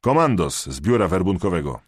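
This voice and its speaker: A hurried police dispatcher shouts quick updates over the radio, as a male narrator acts him out. The husky voice is raised and pressed, with a dry, close sound. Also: deep voice, sing-song, no room sound, heavily acted. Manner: shouting, hasty.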